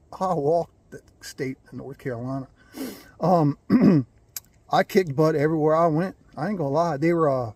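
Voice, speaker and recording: A man telling a rambling, folksy story about his birds, clearing his throat now and then. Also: a little high, darkish tone, no echo. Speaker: gamefowl breeder. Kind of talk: casual storytelling.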